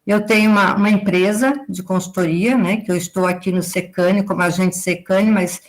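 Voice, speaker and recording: A woman's voice: medium pitch, fairly even intonation, moderate pace. A woman in her forties from southern Brazil giving a lecture as an agricultural consultant, explaining at length and tagging her sentences with a questioning "right?". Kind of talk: live lecture to students.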